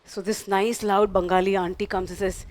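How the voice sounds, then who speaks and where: A woman's voice: mid-range voice, little pitch movement, normal speed, darkish tone. A woman performing a playful story for a festival audience, acting out the characters with sudden shifts in voice. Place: festival stage before an audience.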